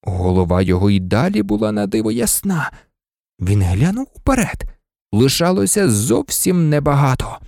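A narrator reading a children's fantasy story aloud, dramatic and lively, switching into many character voices. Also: mid-range voice, normal speed, no room sound, studio quality. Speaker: audiobook narrator.

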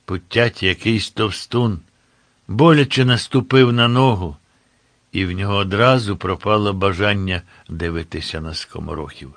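Man reading a story aloud, lowish voice, very dry close sound. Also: normal speed, no room sound. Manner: steady, descriptive storytelling. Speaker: narrator. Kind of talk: audiobook narration of a historical tale.

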